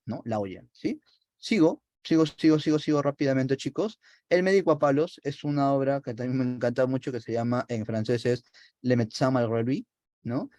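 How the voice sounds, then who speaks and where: A male literature teacher, retelling a play to students in a lively way, constantly asking "no?". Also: medium pitch, no echo. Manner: lively, peppers sentences with "no?". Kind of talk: storytelling lecture to students.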